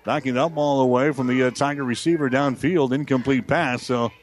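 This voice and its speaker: An American man calls a football game live in short, clipped bursts, following each play as it unfolds. His voice sits at an ordinary male pitch, with clear outdoor stadium noise behind him. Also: fairly even intonation, a little fast. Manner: clipped running description of play. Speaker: play-by-play sports announcer.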